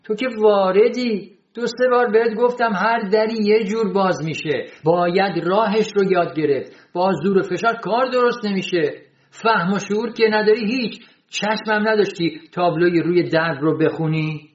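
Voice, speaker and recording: A man's voice: high voice, voice pushed up, lightly acted. A man voicing a grumpy male office servant who scolds people impatiently. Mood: angry scolding. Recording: roomy, dull sound.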